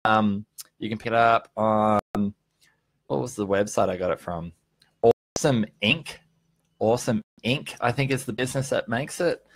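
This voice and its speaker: A vlogger in his early thirties hosts a casual motivational livestream, answering viewers informally and earnestly, with some swearing and emphatic points. His voice is on the low side at a moderate pace, in a rough recording with no room sound.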